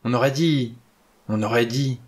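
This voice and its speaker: A man reading an audiobook, voicing a frightened young woman with high, urgent cries. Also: normal speed, natural voice. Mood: alarmed.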